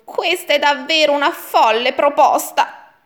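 A woman voicing a fussy, grumbling little old woman in a rhyming storybook, with an exaggerated shrill delivery. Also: a little slow. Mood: complaining. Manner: shrill, exaggerated complaining in rhyme. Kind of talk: storybook reading.

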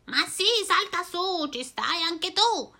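A woman voicing a kind, cheerful young witch in a storybook reading, friendly and lively. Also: extremely high pitch, slow pace, voice pushed up, exaggerated voice. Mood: welcoming.

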